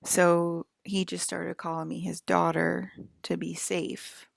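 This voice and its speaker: A woman's voice: fairly low pitch, level tone, takes it slowly, vocal fry, dry recording, studio quality. A woman in her forties speaking straight to her viewers in a rambling vlog monologue, defiant and scolding, checking in with them after nearly every point. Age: 40s. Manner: talks to viewers with frequent "okay?" and "right?". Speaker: vlogger. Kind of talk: rambling direct-to-camera monologue.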